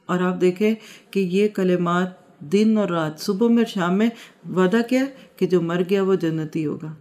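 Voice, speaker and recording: A woman's voice: mid-range voice, darkish tone. A woman religious teacher giving a devotional lecture, earnest and heartfelt, urging her listeners on with everyday examples.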